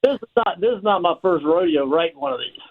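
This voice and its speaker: An older American man calls in to a radio show over a narrow, tinny phone line, chatting casually in a folksy, self-deprecating way. His voice sits high, animated and quick.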